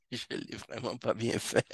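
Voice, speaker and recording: A man teaching Arabic grammar to a class, explaining slowly with frequent hesitations. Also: medium pitch, flat delivery, creaky, a bit bright, breathy edge, no room sound, studio quality. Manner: slow, hesitant explaining with many fillers. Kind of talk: classroom lesson. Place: mosque classroom.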